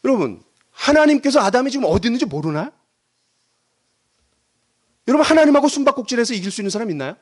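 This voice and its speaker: High, lively-voiced male pastor preaching. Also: fast, long pauses. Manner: dramatic, acts out voices in quotes. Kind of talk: sermon. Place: church sanctuary.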